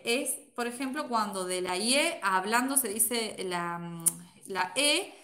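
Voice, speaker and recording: A woman teacher lectures in a live online class, talking her students through each point and pausing often to check that they follow. Her voice sits a little high and sounds bright. The room around her is echoey. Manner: explanatory, checks in with frequent "¿sí?".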